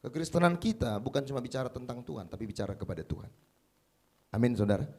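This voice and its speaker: A man preaching a sermon as pastor at a church service, emphatic, swinging between loud exclamations and quiet, confiding passages. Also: medium pitch, animated, fast talker.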